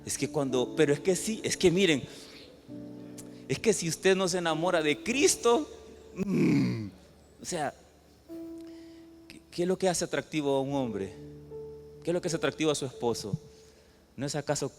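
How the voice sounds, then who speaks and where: A man preaching a sermon to his congregation. He swings between loud outbursts and hushed passages, and he often puts questions to the listeners. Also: a little high, lively intonation, normal speed, long pauses. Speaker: pastor. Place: church hall. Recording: echoey church hall with faint music.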